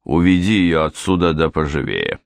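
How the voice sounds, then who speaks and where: A man voicing an irritable, blustering middle-aged father in an audiobook, speaking gruffly and snapping. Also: a bass voice, big pitch swings, moderate pace, no echo, heavily acted.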